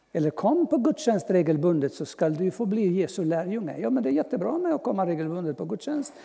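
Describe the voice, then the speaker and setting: A man giving an earnest personal testimony as a preacher, speaking slowly with long pauses and sudden soft drops. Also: sits high, vocal fry, husky. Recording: long hall reverb.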